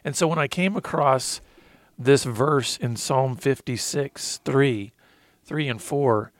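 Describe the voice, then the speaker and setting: A man's voice: mid-range voice, slow, no echo. A man in his thirties co-hosting a faith-based talk, earnestly telling his recovery story and quoting scripture with emotion. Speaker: podcast co-host sharing recovery testimony.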